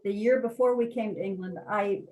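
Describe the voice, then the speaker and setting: An older woman on a video call tells a personal story in a reflective, halting way, with restarts. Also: medium pitch, a little mellow, far from the mic, poor audio. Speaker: workshop participant.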